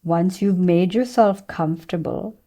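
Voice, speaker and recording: A meditation and yoga teacher guides a meditation in a soft, very mellow voice that sits a little low. She talks very slowly and gently, pausing between phrases as she offers soothing instructions.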